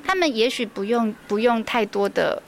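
A woman's voice: fairly high pitch, animated, moderate pace. Taiwanese mandarin lady, preschool teacher on a radio show, earnest storyteller, lots of ums, faint hiss behind. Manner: earnest, storytelling, many fillers. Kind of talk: radio interview.

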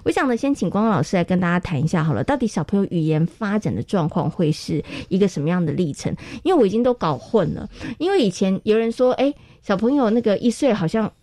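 A woman's voice: medium pitch, lively intonation, mellow, dry recording. A woman hosting an educational radio show from a studio, chatty, stretching out her sentence particles. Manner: chatty, drawn-out particles, eager questions. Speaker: radio host.

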